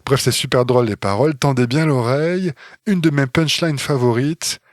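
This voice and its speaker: A man co-hosting a podcast, reading scripted narration and bantering in a measured, explanatory way with dry humor. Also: medium pitch, dry recording. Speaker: podcast co-host.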